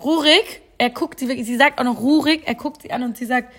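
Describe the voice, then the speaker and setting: A woman's voice: on the high side, fast. A woman, chatting casually as a podcast host and acting out quotes as she tells a story. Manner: animated storytelling, acts out quotes. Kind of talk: casual chat.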